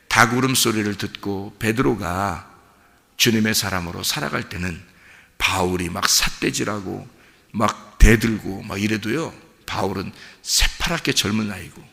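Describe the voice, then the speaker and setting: A male pastor preaches in a church sanctuary, and his voice is gravelly and bright. He keeps turning to the congregation with rhetorical questions. A long hall reverb trails behind his words. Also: fairly low pitch. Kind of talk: sermon.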